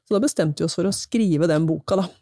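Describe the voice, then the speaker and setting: Woman guest in a library interview, chatty, mellow, dry sound, lots of fillers. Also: on the low side, dry recording. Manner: chatty, laughs often, many fillers. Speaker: guest, author and government minister. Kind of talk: casual interview talk.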